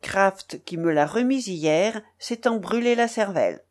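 A woman reading an audiobook and voicing a proud, excitable young man who explains himself eagerly and defensively. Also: medium pitch, a little slow, close to an everyday voice. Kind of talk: audiobook character voice.

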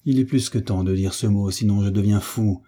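A man's voice: fairly low pitch, a little fast, mellow, breathy edge. A man voicing an exasperated, blustering old baron in an audiobook, complaining frantically and crying out in disbelief.

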